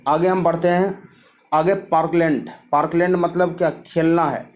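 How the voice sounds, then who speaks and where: Male teacher, slightly high voice, drills facts through repeated self-quizzing. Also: fairly even intonation, moderate pace. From Bihar, India. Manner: repetitive, quizzing himself with questions and answers. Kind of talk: mnemonic geography lesson.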